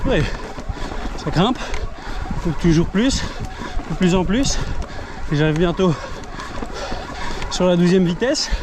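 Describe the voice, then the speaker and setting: A man's voice: sits high, expressive, slow, pauses often. A man chatting to camera while riding outdoors, grumbling and swearing in exasperation as he comments on his ride. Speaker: mountain biker vlogger. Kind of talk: self-filmed ride commentary, casual chat. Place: outdoors on a trail, riding a bike. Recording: noisy outdoor ride recording.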